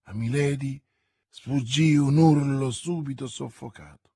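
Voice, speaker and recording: Husky man narrating a classic novel. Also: mid-range voice, warm tone, no room sound. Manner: measured, dramatic storytelling. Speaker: audiobook narrator.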